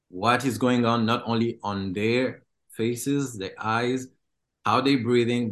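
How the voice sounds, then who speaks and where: A filmmaker from Congo speaks in an interview with a lowish, fairly bright male voice. He comes across as hesitant, with many fillers and restarts.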